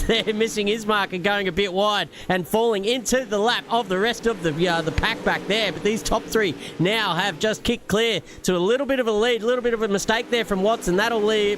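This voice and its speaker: High-voiced jokey race commentator man. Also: noisy background. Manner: jokey, punning, with filler pauses. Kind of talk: live sim racing commentary. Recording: music playing behind the voice. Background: background music.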